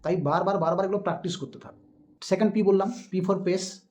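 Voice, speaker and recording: A man giving a spoken lesson on interview speaking skills. He explains patiently and acts out his examples, turning suddenly loud or soft. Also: high-pitched, steady tone, fast. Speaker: teacher.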